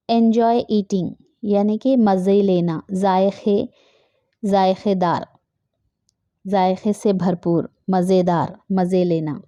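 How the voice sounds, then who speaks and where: A woman teaching English vocabulary to students, repeating each word slowly and then explaining it, switching between English and Hindi-Urdu. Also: medium pitch, warm tone, dry recording. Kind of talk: slow vocabulary lesson.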